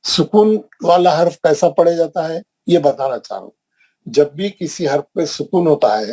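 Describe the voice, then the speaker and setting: An Indian man with a rather high, mellow voice teaches an online Quran recitation class, repeating points and quizzing his students as he drills them. The recording quality is rough.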